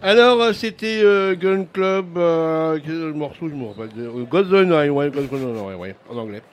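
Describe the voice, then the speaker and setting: A man's voice: fairly high pitch, moderate pace, faint music behind. A man hosting a casual web radio chat, joking and teasing his guests. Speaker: host.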